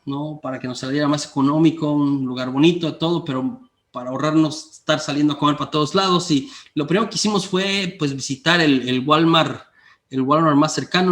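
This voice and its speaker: A man giving a faith-based teaching talk, telling a personal story in a conversational way, often adding tag questions and repeating phrases as he recalls details. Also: a little high. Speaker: speaker teaching on family and faith.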